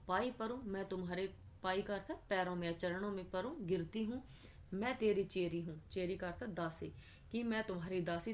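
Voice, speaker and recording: A woman with a fairly low voice teaches a literature lesson. She recites each verse line, then explains its words one by one in a steady, patient way. A faint hiss runs underneath.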